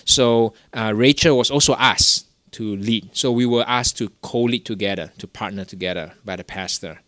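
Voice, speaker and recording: A man's voice: fairly low pitch, normal speed, fairly bright tone, dry recording. Young man rambling through a story. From Singapore. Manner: rambling, many "you know" fillers and restarts. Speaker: guest telling his story. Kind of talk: casual testimony.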